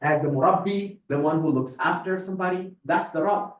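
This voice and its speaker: A man's voice: a little high, fairly quick, slight background noise. A man giving a religious lecture, explaining words one by one and checking in with his audience. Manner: explains word by word, checks in with "right?". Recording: echoey room from a distance.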